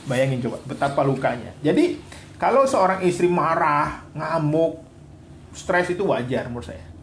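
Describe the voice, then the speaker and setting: Earnest man, lively counselling talk. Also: fairly high pitch, normal speed, slight background noise. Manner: earnest, animated, acts out quoted wives and husbands. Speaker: psychologist and co-host. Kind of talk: live-stream Q&A on marriage.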